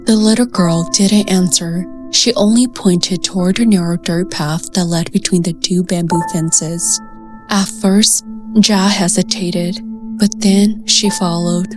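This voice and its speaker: Woman narrator, slow and soft-spoken, hushed storybook reading over light music. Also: lowish voice, steady tone. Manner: soft, slow and hushed, slipping into whispers at tense moments. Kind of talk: scripted narration.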